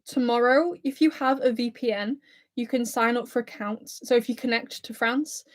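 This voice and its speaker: Her voice is fairly high-pitched and moves at a normal speed. A YouTuber from near Blackpool, England, in her twenties, she speaks with a mixed Lancashire and Scouse accent, giggling and chatting nervously on a livestream as she reads viewers' comments.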